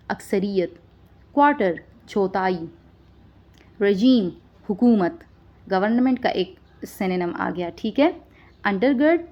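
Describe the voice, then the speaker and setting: In a spoken vocabulary lesson, a woman with a medium-pitched voice lists each word with its meaning and often checks understanding with a quick question. The recording is muffled.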